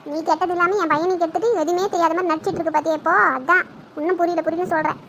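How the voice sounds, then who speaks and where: A woman's voice: very high voice, level tone, rapid-fire, fairly bright tone. A woman voicing a nagging older mother-in-law in a family cartoon. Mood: scolding. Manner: scolding, complaining. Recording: noisy home recording.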